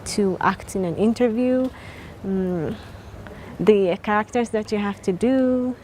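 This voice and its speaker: A woman from Eritrea, a scientist, explaining what she learned in a workshop, thoughtfully and with pauses. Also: medium pitch, a little mellow, a little hiss or hum. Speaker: scientist in training. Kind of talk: interview testimonial.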